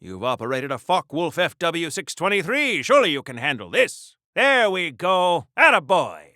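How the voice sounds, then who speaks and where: This old-time golden age hero from a video game sounds earnest, awkward and prudish, his fairly high, bright voice ringing forcefully as it swoops wildly in pitch. Focused and chipper, he delivers prim, quaint mid-century exclamations at normal speed in an exaggerated voice. The recording is close and dry, with no echo.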